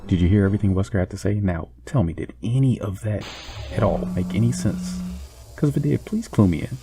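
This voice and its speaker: A man's voice: lowish voice, brisk. A man hosting a let's play, making sarcastic, teasing jokes about the game as he plays. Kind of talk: joking gameplay commentary. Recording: commentary over game music.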